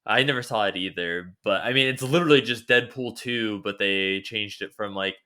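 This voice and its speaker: Easygoing podcast guest full of fillers. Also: male voice, fairly low pitch, moderate pace, pushed and bright, clear, resonant tone. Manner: hesitant, filler-heavy, easygoing. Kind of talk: casual chat.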